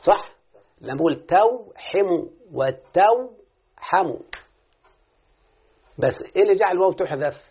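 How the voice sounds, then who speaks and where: Egyptian male tutor, fairly high voice, questioning and repeating answers, lo-fi phone-quality recording. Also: very fast, husky. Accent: Egyptian Arabic. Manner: quizzing, coaxing, repeats answers back. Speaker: teacher of Arabic morphology. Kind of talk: classroom lesson with questions to a student. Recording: phone-like lo-fi audio.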